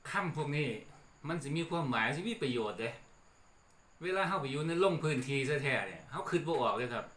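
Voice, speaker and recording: Isan-accented guy explaining old words, bright voice, echoey room, bit of hiss. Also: fairly high pitch, brisk. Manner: chatty, relaxed, laughs between points. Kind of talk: casual explanatory talk. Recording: echoey room with faint background noise.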